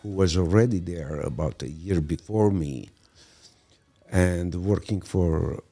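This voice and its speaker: A man in his sixties, raised in Lebanon, telling his life story as a podcast guest in an unhurried way with pauses. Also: deep voice, mellow, slightly rough, soft background music. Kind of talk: relaxed conversational storytelling.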